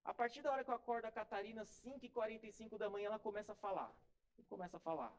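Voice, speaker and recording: High-voiced Brazilian man preaching. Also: fairly even intonation, rapid-fire, poor audio. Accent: Brazilian Portuguese. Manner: conversational preaching with repeated phrases and direct address. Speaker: pastor. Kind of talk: sermon. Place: church.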